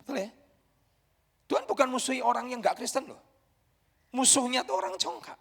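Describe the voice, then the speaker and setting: A man with an Indonesian accent preaching a sermon, emphatic and dramatic, with sudden loud peaks. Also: extremely high pitch, expressive, a little fast, gravelly, husky. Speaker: pastor. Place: church hall. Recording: reverberant church hall.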